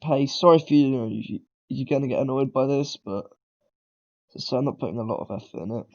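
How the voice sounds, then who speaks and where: Fast and medium-pitched, with a slightly mellow tone, this man's voice is muffled in the recording. He's sick with a cold and talks loosely through a coding tutorial for newcomers, rambling, correcting himself, and regularly clearing his throat or saying um.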